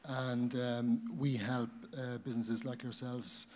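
Flat-toned man making a hesitant pitch. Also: slow. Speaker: business owner. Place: large conference stage, indoors. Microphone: handheld microphone. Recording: stage mic, faint background noise.

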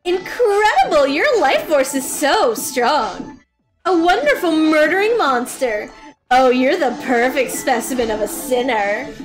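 A woman's voice: sits high, big pitch swings, unhurried, soft background music. A woman voicing a sadistic, theatrical female villain in a horror game, mocking and grand. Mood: gleeful. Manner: grand, mocking, relishing cruelty. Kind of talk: reading game dialogue aloud on stream.

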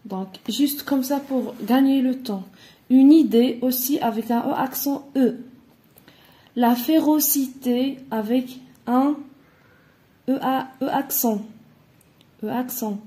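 A woman teacher with a Moroccan accent, walking through a primary school lesson and repeating words slowly for her pupils. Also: a little high, warm tone. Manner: switches between Moroccan Arabic and French, repeats words slowly. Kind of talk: classroom lesson walkthrough.

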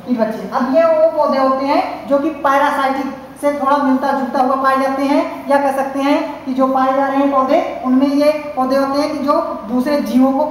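A high-voiced college teacher with a Hindi-speaking North Indian accent delivers a classroom science lecture. Her explaining is repetitive and heavy with fillers, with frequent restarts. The hall is very echoey, with a faint hiss.

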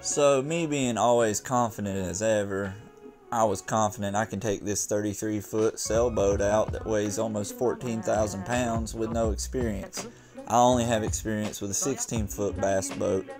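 A man in his forties vlogs casually from his sailboat out on the water, talking to the camera as he narrates. His voice is on the low side, with fairly even intonation and a moderate pace, and background music plays beneath him.

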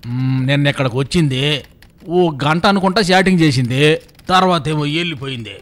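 A man's voice: fairly high pitch, fairly quick, a bit bright, lightly acted. An actor playing an offhand middle-aged shop uncle who answers a girl's questions.

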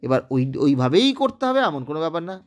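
Man, Bengali accent, fast-paced grammar teacher, fairly high voice, keeps checking that the class follows. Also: very animated. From West Bengal, India. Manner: explains step by step, often checks understanding with the class. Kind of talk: recorded online grammar lesson.

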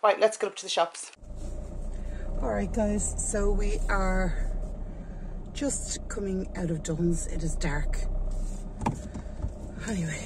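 A forties-aged vlogger from Ireland talks casually about shopping, slow and matter-of-fact, leaving long pauses. Her mid-range voice keeps fairly even intonation. She records in a home kitchen and inside a car, where clicks and clear background noise come through.

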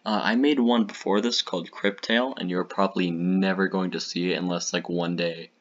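A man's voice: sits low, steady tone, brisk, dull audio. A young man casually reacting to his old short films, chatty and rambling with lots of fillers.

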